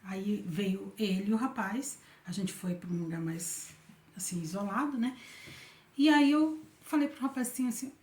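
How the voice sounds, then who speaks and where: A woman's voice: medium pitch, moderate pace, darkish tone. A middle-aged Brazilian woman shares a personal faith story in a conversational way, often ending her phrases with a questioning tag. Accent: Brazilian Portuguese. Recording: roomy echoey room.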